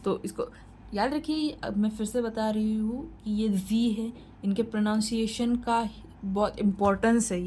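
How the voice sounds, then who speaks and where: A woman's voice: mid-range voice, level tone, moderate pace, few pauses, mellow, a little hiss or hum, low-quality recording. A woman teaching a shorthand lesson, explaining each point patiently and repeating key points to reassure her students. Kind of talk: tutorial lesson.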